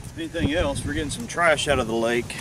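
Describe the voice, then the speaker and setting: A man's voice: mid-range voice, quick pace. A middle-aged man giving casual running commentary while magnet fishing on a lake dock, thinking aloud in a matter-of-fact way as he works. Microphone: camera mic, filmed from a few feet away. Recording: distant camera mic, loud wind and water noise.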